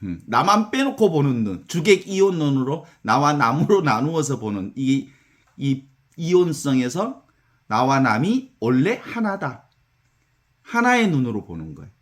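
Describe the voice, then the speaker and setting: Animated Korean priest giving a talk. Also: male voice, mid-range voice, unhurried. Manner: conversational, animated storytelling with acted-out counting. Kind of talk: spiritual lecture.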